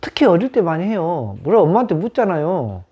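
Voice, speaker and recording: Male teacher, questions his audience, animated delivery, warm breathy tone, muffled recording. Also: on the high side, fast. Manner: questions the audience, repeats key words. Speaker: meditation teacher. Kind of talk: Buddhist dharma talk. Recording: dull lo-fi sound.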